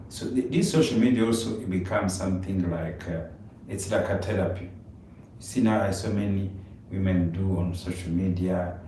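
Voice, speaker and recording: A man with a low, mellow voice co-hosts a live stream, chatting casually. His speech rambles and repeats, with non-native grammar. Captured by a distant mic in an echoey room, he sounds remote, and faint noise lingers.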